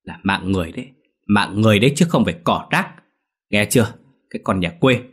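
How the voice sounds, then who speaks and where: Harsh accusing matriarch of a storybook tale, low husky tone, read by a man. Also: steady tone, racing. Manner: scolding, accusing. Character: stern angry older mother-in-law, woman.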